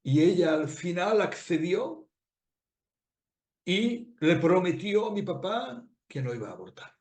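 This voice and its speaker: A man, a rabbi, telling a moral story in a sermon, animated, with repeated phrases and rhetorical questions put to his listeners. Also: high-pitched, a little slow, reverberant.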